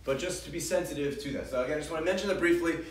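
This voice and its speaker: A man's voice: on the high side, racing. A man giving an informal parenting class to a group, talking conversationally, acting out what parents and children say and often restarting his sentences. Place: congregation hall. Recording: roomy hall, distant mic, faint ambience.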